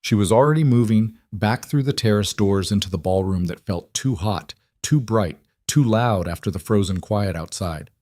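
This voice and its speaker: Male story narrator, low voice, dry close sound, dramatic reading. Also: normal speed, few pauses, a little mellow, dry recording. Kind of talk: scripted narration.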